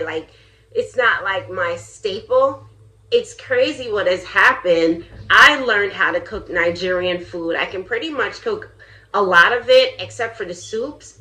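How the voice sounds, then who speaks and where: Middle-aged woman from jamaica, casual cooking vlog, bright voice, talks easy and laughs a lot. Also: medium pitch. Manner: chatty and candid, laughs often. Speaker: vlogger, channel host.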